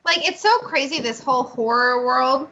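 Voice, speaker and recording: A woman's voice: sits high, moderate pace, pushed and bright, muffled recording. A woman from Iowa in a casual, blunt group chat with some swearing. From Iowa, United States.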